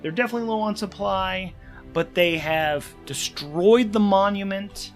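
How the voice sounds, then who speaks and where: A man with a high voice serves as game master and host of a solo tabletop game, thinking aloud at a moderate pace as he narrates rules and story. Music plays in the background.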